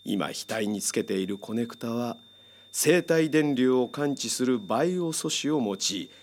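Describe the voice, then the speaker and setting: Playing a domineering psychiatrist in a radio drama, a male actor uses a measured, formal, hypnotically coaxing delivery. The mid-range voice is expressive and lightly acted, with a hypnotic, controlled mood.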